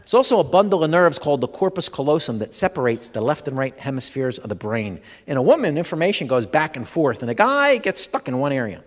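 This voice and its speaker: A man's voice: a little high, fast talker, hardly any pauses. A man doing stand-up comedy for a live audience, telling stories and acting out the dialogue. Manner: animated storyteller, acts out dialogue, addresses audience. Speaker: comedian and humor educator. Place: large expo hall before a live audience. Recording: long hall reverb.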